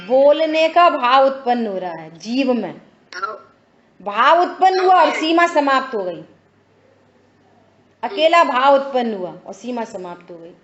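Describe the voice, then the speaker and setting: A woman giving a religious discourse who explains patiently, repeats her phrases, and asks whether listeners follow. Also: high-pitched. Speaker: spiritual teacher. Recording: echoey dull lo-fi room.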